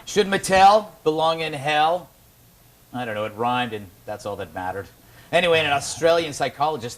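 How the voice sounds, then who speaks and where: A man hosting a late-night panel show, tossing out sarcastic, deadpan jokes. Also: a little high. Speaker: talk show host.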